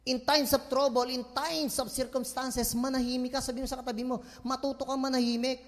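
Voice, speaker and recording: A man preaching a sermon in a church, mixing in English and swinging between quiet asides and loud emphatic lines. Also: very high-pitched, flat delivery, a little fast. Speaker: pastor. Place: church hall. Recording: long church hall reverb.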